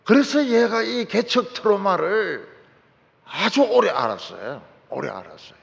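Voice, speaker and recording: A man preaching a sermon as pastor, fervent and at times shouting out his lines. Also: high voice, very animated, measured pace, gravelly. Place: large church sanctuary. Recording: church hall with long reverb.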